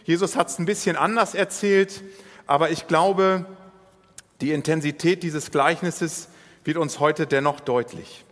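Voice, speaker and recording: High-voiced preacher in an echoing hall. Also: male voice, a little slow, a bit bright. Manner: vivid, dramatic storytelling. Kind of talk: sermon retelling a parable.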